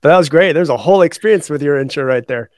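A man's voice: a little high, quick pace, no room sound, studio quality. A man chatting casually as a podcast guest, informal, repeating and rephrasing as he explains. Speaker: podcast guest, author and coach. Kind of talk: casual interview chat.

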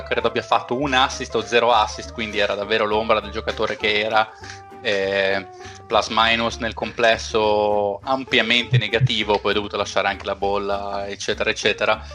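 A man's voice: fairly low pitch, bright, forceful tone. A man co-hosting a basketball podcast, talking in a casual, hesitant way with many restarts. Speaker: podcast co-host.

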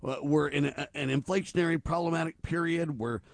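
Emphatic American talk radio man, higher-pitched. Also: steady tone, brisk, creaky, no room sound. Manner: emphatic, urgent, earnest. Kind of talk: political talk radio commentary.

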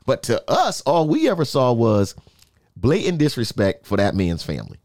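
A man's voice: medium pitch, huge pitch swings, normal speed, darkish tone, dry recording, clean studio sound. A man co-hosting a sports talk show, speaking emphatically and often checking in with "right?". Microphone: in-ear monitor, studio.

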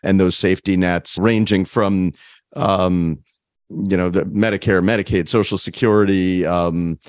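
A male podcast host asking questions in a halting way, with many restarts and fillers. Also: sits low, fairly even intonation, darkish tone, no room sound, studio quality. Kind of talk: podcast interview conversation.

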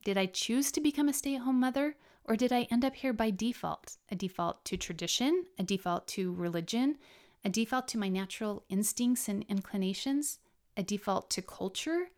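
A woman reads a personal memoir as scripted narration. Her voice sits at a medium pitch for a woman, and she shapes the literary sentences in a measured, expressive way. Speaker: author narrating own memoir. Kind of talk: scripted audiobook-style narration.

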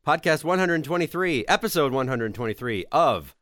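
A man's voice: a little high, expressive, moderate pace, a bit bright, no room sound. A man with a nasal, stuffed-up voice from a cold, co-hosting a podcast in casual, joking chat about games. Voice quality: nasal, congested. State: under the weather with a cold, occasional cough. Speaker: podcast co-host.

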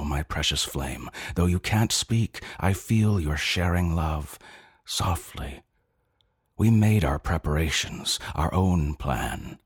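Male storyteller, very low husky voice, intense and brooding, dry studio read. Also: dry recording. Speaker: narrator. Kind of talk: dramatic story reading.

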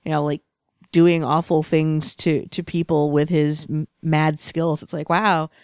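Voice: medium pitch, level tone, measured pace, smooth, no room sound, studio quality. A speaker from Boston co-hosting a casual movie review chat, rambling and hedging, laughing often. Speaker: podcast co-host.

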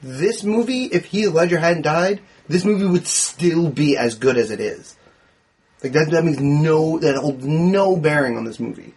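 A man in a casual movie discussion, talking in an animated, argumentative way with quick restarts. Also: on the high side, slightly rough. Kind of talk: casual movie podcast chat.

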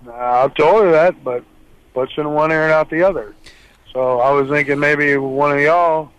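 Male caller, middle-aged, on a dull, dry phone line, a bit high for a man, plain and halting. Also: fairly even intonation, clear, resonant tone, dry recording. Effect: heard over the phone. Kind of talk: call-in advice show.

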